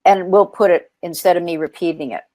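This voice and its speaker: A woman's voice: lowish voice, steady tone, a little fast, darkish tone, no echo. A woman who founded a nonprofit, talking in an interview, telling stories earnestly with frequent ums and restarts. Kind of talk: interview conversation.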